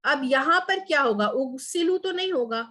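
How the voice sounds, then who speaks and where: A woman teaches Quranic Arabic to a small online class, taking it step by step. Her voice sits high, and she keeps checking with her students as she goes. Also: lively intonation, normal speed, a bit bright. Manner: explains step by step, says "ठीक है" often.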